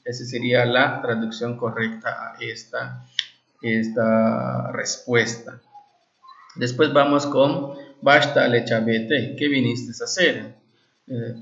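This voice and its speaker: Slow and steady in tone, a Maya language teacher from Valladolid, Yucatán, Mexico uses a mid-range, slightly bright voice. He leads an informal lesson, explaining examples and translations step by step with frequent short check-in questions. The audio is dull and lo-fi, with clear room echo.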